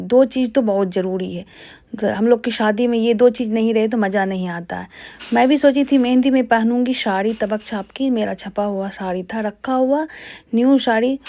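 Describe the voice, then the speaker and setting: A woman's voice: medium pitch, mellow. A young woman, chatting casually as she explains wedding customs to her viewers. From Bihar, India. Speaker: vlogger. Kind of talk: casual vlog voice-over.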